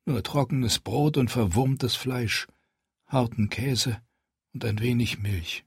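A proud, stubborn young queen, voiced by a male audiobook reader, giving orders in a raised, clipped tone. The husky edge of the reader's voice stays in the lifted pitch. The recording is dry and close. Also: slow, dry recording, full character voice. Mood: bitter. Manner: raised pitch, firm commanding delivery. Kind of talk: audiobook character voice.

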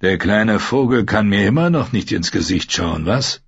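Brutal scarred warrior, low husky growl, read by a male narrator, dull dry sound. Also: animated, normal speed, no room sound, exaggerated voice. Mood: mocking. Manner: gruff, scornful, growling. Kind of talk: audiobook character voice.

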